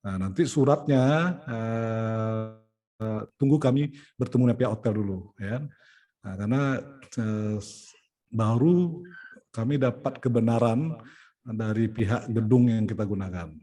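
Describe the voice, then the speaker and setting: A middle-aged Indonesian man, an event organizer and poet, explains plans step by step in a planning meeting, walking through the logistics with frequent "nah" and "ya." His voice is on the low side, dark and unhurried.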